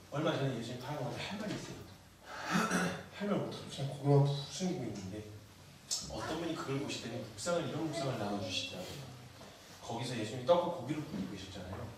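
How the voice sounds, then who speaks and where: A male missionary preacher telling a sermon story, acting out the dialogue and swinging from hushed whispers to shouts. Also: mid-range voice. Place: large church hall. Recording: echoey hall, distant mic, noisy.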